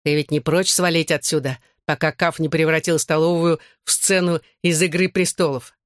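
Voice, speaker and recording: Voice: mid-range voice, fairly even intonation, moderate pace, no room sound, studio quality, close to an everyday voice. An audiobook reader voicing a cheeky, joking teenage schoolboy who talks in a teasing, upbeat way.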